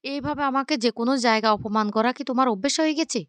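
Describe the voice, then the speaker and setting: A woman's voice: high voice, very fast, smooth, dry recording, voice pushed up, lightly acted. A woman voicing a proud, quarrelsome middle-aged mother-in-law who complains sarcastically.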